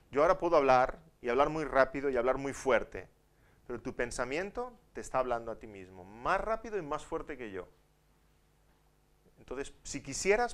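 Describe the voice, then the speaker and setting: Male pastor, mid-pitched, conversational conference teaching, soft asides and loud emphatic points, counts off numbered points. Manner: conversational, with tag questions to the audience.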